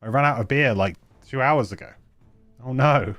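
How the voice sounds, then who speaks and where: A man's voice: mid-range voice, normal speed, a bit bright, soft background music. A man streaming a game, chatting casually with wry, chuckling asides. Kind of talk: casual chat.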